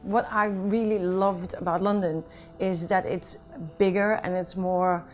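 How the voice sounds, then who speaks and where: A woman's voice: medium pitch, fairly even intonation, measured pace, darkish tone, soft background music. A woman, a managing director, speaking in an enthusiastic, chatty way in a promo film interview.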